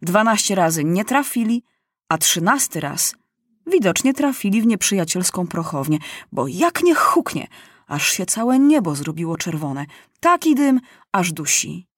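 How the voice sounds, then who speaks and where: A woman narrating a children's audiobook with lively, expressive storytelling. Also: lowish voice, measured pace, dry recording, studio quality.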